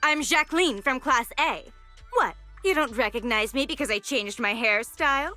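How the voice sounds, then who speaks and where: A woman's voice: sits high, animated, normal speed, bright, forceful tone, faint music behind. A woman playing a snobbish rich young heiress and sorority president in an anime game, condescending and mockingly polite. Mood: indignant, mocking.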